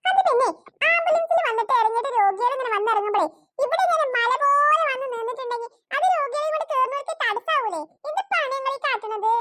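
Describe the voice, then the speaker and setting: A woman voicing a bossy, sharp-tongued older woman in a cartoon. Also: very high-pitched, animated, fast talker, heavily acted. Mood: scolding. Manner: scolding, nagging. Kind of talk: cartoon voice acting.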